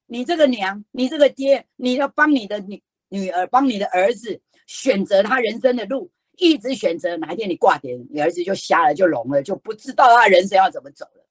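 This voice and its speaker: An older woman from Taiwan with a Taiwanese Mandarin accent, giving a lively, folksy lecture as a storytelling educator, full of emphatic rhetorical questions. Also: medium pitch, fairly quick, breathy edge, no echo.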